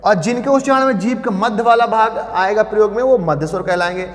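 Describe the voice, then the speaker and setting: Male grammar teacher, high voice, quizzes his class and answers himself, reverberant room. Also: a little fast. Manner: asks questions and answers them himself, repeating key terms. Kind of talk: classroom lecture.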